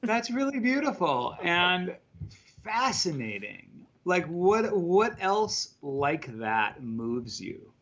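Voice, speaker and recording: A man's voice: sits high, sing-song, slow pace, fairly bright tone, dull audio. A man who is a guest in a casual chat, telling stories in a playful, jokey way.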